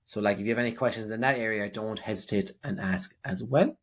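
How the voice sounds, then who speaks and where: A man's voice: on the low side, fairly quick. A man with an Irish accent co-hosting a podcast in casual chat, rambling and often restarting his sentences. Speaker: podcast co-host.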